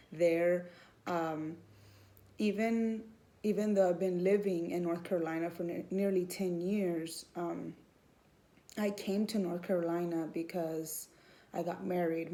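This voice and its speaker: With a lowish, mellow voice, a thirtysomething woman from Houston, Texas shares a heartfelt testimony of her faith, speaking hesitantly and saying um a lot. She is a student and a mother.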